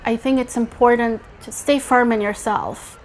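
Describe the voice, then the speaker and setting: A woman's voice: on the high side, fairly even intonation, normal speed. A woman from Afghanistan giving an earnest, reflective documentary interview about her own life. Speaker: interview subject.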